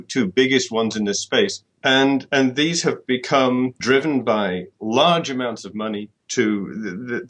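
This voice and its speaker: A man's voice: medium pitch, a bit bright. A man from the UK, an author giving an interview and reasoning things through, often repeating words as he thinks. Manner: thoughtful, restarts and repeats words while reasoning. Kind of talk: conversational interview.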